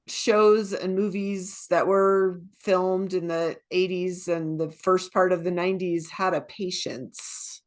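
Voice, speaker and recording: A woman co-hosting a podcast who steers the casual conversation thoughtfully and asks questions. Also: lowish voice. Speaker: podcast co-host.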